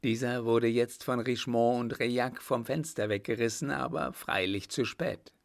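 A man narrating an old adventure novel in a measured, even storytelling manner. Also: medium pitch, gravelly. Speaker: audiobook narrator.

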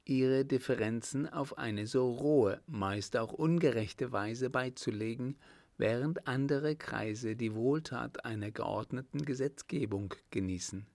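A man voicing a courteous, proud young army lieutenant in a measured audiobook reading. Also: lowish voice, vocal fry, dry recording.

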